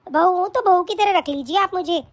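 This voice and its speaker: In this piece of animated story voice acting, a woman plays a whiny, spoiled young wife who complains and acts defiant toward others. Her voice is extremely high and fairly quick.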